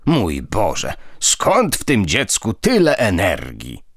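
Soft-hearted old grandpa ghost, man reading him, low voice, slightly raised, dry. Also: wildly swooping pitch, takes it slowly, no echo, full character voice. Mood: reproachful. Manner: gently reproachful, flustered.

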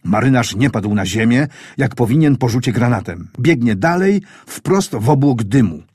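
A man reading a wartime story aloud in a grave, measured, tense manner. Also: medium pitch, expressive, a little mellow, breathy edge, no echo, studio quality. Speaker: audiobook narrator. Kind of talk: scripted wartime story narration.

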